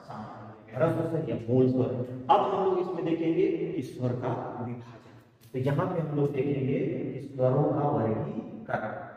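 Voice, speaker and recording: A man's voice: medium pitch, normal speed, dark tone, recorded from a distance. Man teaching in an echoey room. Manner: asks questions and answers them himself; repeats key words, sometimes sing-song. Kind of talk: classroom lecture.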